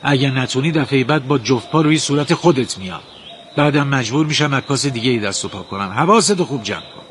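A man voicing a vain, boastful wolf king who shouts orders. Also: mid-range voice, animated, slight background noise, close to an everyday voice. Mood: bossy.

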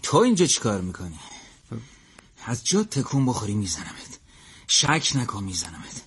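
A man's voice: fairly low pitch, sing-song, a bit bright, slightly rough, full character voice. An actor playing a desperate armed man who barks threats and orders. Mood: threatening. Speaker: gunman. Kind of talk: television drama acting.

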